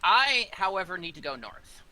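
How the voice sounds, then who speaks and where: A man's voice: high voice, sing-song, normal speed, sharp tone. A man chatting with his gaming group on voice chat, explaining things with hesitant fillers. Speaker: gamer in a group. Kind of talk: casual voice chat while gaming.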